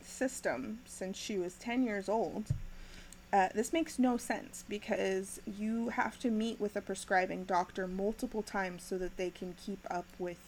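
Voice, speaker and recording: A woman's voice: medium pitch, fairly even intonation, unhurried, a little mellow, a little hiss or hum, rough recording. Chatty young woman recapping, lots of ums. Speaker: podcast host recapping a TV episode. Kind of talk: casual chat.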